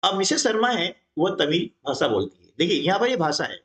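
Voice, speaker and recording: A man's voice: high voice, big pitch swings, brisk, fairly bright tone. A man teaching a grammar lesson for exam preparation, explaining step by step and often checking in with his students.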